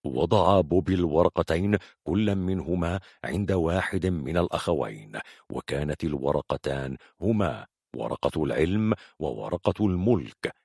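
Deep, husky male audiobook narrator. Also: animated, moderate pace, a little mellow, no echo, clean studio sound. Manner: dramatic, varied storytelling delivery.

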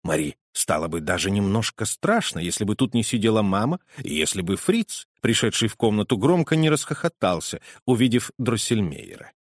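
Guy reading a fairy tale aloud, super animated, dry close mic. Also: on the low side, a little fast, few pauses, dry recording. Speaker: audiobook reader. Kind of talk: expressive storybook narration.

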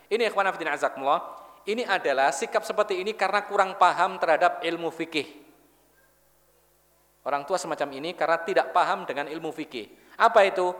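In a mosque hall with long reverb, a man delivers a religious lecture as an Islamic preacher. He tells stories and poses questions to the audience, and his voice is fairly high and fairly bright.

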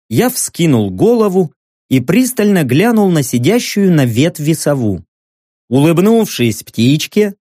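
A man reading a first-person audiobook in an expressive way. His voice sits a bit high and moves through a lively pitch range. The recording is dry and close to the mic. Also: dry recording. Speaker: audiobook narrator.

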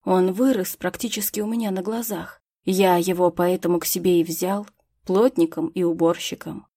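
A woman's voice: fairly low pitch, fairly even intonation, moderate pace, warm tone, no room sound, clean studio sound. A woman voicing a male museum owner speaking with emphatic reproach in an audiobook. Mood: sad. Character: older male museum owner, sad then indignant.

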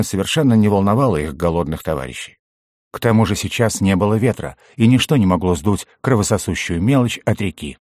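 A man narrating a first-person fantasy audiobook with an expressive reading. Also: sits low, dry recording, studio quality.

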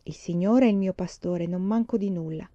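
Mary, a woman reading a gentle pious blind girl. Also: on the low side, moderate pace, no room sound, highs cut off, close to an everyday voice.

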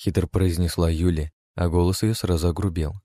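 A man narrating an audiobook with a steady, expressive reading, close to the mic. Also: deep voice, a little fast, dry recording.

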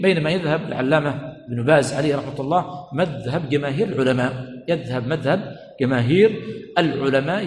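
A man teaching a religious lesson who keeps asking "what?" so listeners finish his phrases, and repeats each key point. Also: fairly high pitch. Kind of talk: Islamic study lesson. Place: mosque learning center hall. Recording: echoey hall, faint room noise.

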